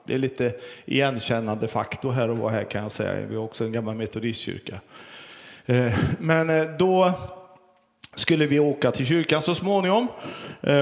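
A middle-aged man preaching a sermon as pastor, earnest and storytelling, with pauses and fillers. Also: fairly high pitch, long reverb tail.

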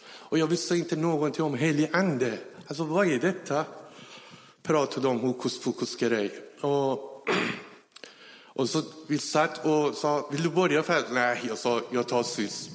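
Guy sharing his testimony, kinda high voice, long church-hall echo, tells it animated and halting. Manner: animated storytelling, acts out dialogue. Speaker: testimony speaker. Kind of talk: personal conversion testimony. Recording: reverberant hall.

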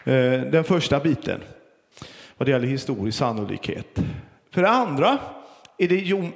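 Swedish-speaking pastor man in reverberant hall. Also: on the high side. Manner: earnest, storytelling with pauses and fillers. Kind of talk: sermon.

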